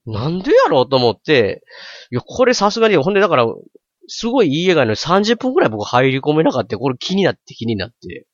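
Osaka man, 40s, rapid animated storyteller, dry close sound. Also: fairly high pitch, dry recording, highs cut off. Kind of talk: casual chat.

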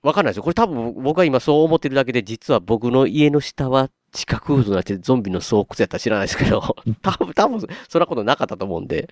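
Lively Kansai man telling stories. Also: medium pitch, racing, few pauses, dry recording, studio quality. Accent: Kansai Japanese. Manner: animated storytelling, acting out his own surprised reactions. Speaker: podcast co-host. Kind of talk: casual podcast chat.

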